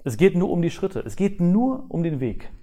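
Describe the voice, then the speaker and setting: Podcast guest, man, fairly high voice with lots of pitch movement, animated advice-giver who acts out quotes. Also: moderate pace. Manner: animated, acts out other people's thoughts in quotes; ends phrases with "ne?". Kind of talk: casual podcast conversation giving life advice.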